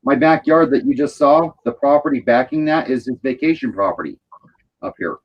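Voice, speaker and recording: A man's voice: medium pitch, animated, brisk. A man from the United States chatting casually on a livestream with a wry, joking manner. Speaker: livestream participant. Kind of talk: casual live chat. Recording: slightly dull, lo-fi sound.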